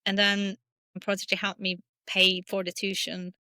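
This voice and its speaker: Bright, clear-voiced woman from Turkey. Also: medium pitch, monotone, a little slow, no room sound. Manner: thoughtful, with many fillers and restarts. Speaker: podcast guest. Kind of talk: casual interview talk.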